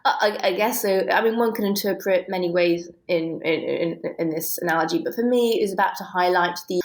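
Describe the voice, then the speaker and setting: A British scientist and author, appearing as an interview guest, explains technical detail with conversational enthusiasm. Her voice sits on the low side and moves a little fast.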